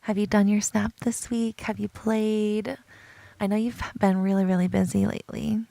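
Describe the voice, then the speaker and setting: A woman's voice: medium pitch, little pitch movement, moderate pace, gravelly, warm tone, no room sound. A woman streaming a video game in casual chat, giggly and chatty, greeting viewers by name.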